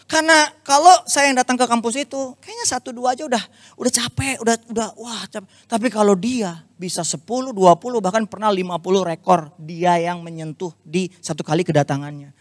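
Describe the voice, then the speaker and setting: A man with a notably high voice preaches to a youth service, telling a personal story in a lively, confessional way. He sprinkles English phrases through his talk. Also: brisk, no room sound. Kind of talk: storytelling sermon.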